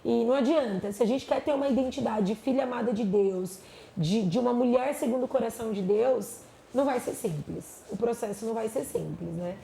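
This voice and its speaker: A woman, a pastor chatting on a podcast, animated and acting out the voices she quotes. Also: fairly high pitch, a little fast, creaky. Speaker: pastor and psychologist guest. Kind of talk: casual podcast chat. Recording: echoey room with faint noise.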